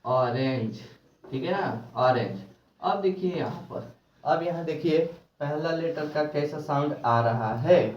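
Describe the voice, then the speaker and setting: A man's voice: a little high, slow pace, a little mellow, slight background noise. Man teaching grammar in an echoey room. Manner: repeats questions and answers them himself, drilling. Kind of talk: classroom lecture. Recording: echoey room, distant mic, dull sound.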